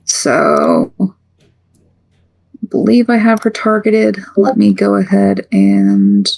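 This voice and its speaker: Unhurried woman player thinking aloud. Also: medium pitch, big pitch swings, gravelly, a little mellow. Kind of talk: casual tabletop play.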